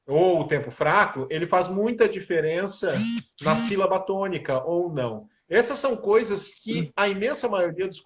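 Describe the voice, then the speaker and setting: A man, a musician and composer, talking casually in an interview and telling stories. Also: sits high. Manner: animated storyteller, sings snippets of lyrics.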